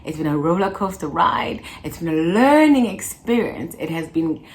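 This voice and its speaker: A woman's voice: on the low side, expressive, moderate pace, a little mellow. Chatty young woman vlogging to camera. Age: 20s. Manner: chatty, playful, laughs and sings snippets. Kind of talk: casual chat to camera.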